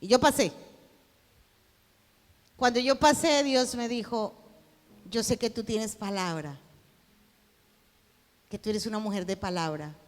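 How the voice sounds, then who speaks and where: A woman preaching, telling a personal testimony and acting out the dialogue in it, at times rising to a shout. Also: fairly high pitch, slow pace, pauses often, big-room sound. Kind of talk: sermon testimony.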